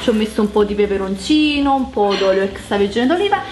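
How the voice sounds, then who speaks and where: Speaking quickly in a mid-range, slightly mellow voice with lively intonation, a woman in her thirties runs a casual cooking vlog at home. She's chatty and excited, repeating words for emphasis, with slight background noise, echo, and music behind her.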